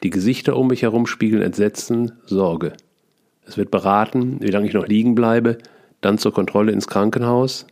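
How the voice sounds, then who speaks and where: A man reading his own memoir aloud in short, clipped first-person sentences, calm and steady. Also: fairly low pitch, normal speed. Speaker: author reading his book.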